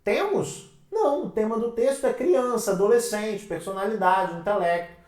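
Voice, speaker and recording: A female teacher with a Brazilian Portuguese accent gives an exam-prep lecture, posing questions to her class and answering them herself while calling everyone "minha gente". Her medium-pitched voice is a little mellow at normal speed, and the distant mic makes the sound roomy.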